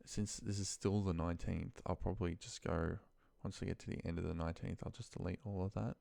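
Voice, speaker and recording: Here a low, dark, creaky male voice moves briskly in a steady tone as he mutters short fragments while thinking aloud. He's an office worker informally walking through a data-entry task on a screen recording, captured dry.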